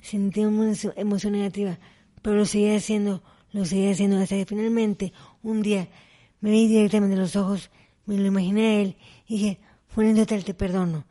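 With a mid-range voice and a fairly quick delivery, a middle-aged woman brings her personal stories to life in an interview. She tells them animatedly and acts out the conversations.

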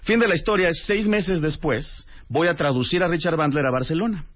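A man, a radio guest telling a lively anecdote and acting out the dialogue. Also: on the high side, normal speed. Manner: animated storyteller acting out dialogue. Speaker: radio guest, author and translator. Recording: dull lo-fi radio audio.

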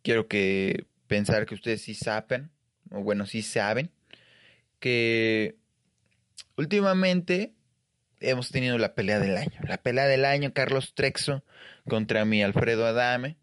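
A man's voice: medium pitch, unhurried, a bit bright, clean tone, no room sound. A man with a Mexican accent giving a crude, slangy comedic monologue.

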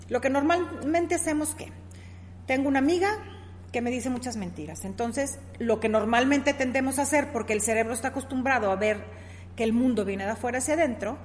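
A middle-aged woman talks her listener through a lesson in a warm, conversational teaching style, stopping often to check that she is understood. Her voice sits a little high. The recording has a long reverb tail and a faint hum of room ambience behind it. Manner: explains with examples, asks "¿sí?" often.

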